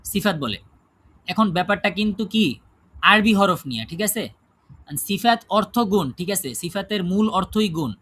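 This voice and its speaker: A man teaches a class with a high-pitched voice. He asks the students questions and answers them himself. He keeps checking whether they follow him. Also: lively intonation, normal speed, pushed and bright, breathy edge. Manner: checks understanding with frequent tag questions. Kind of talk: classroom lesson on Quran recitation rules.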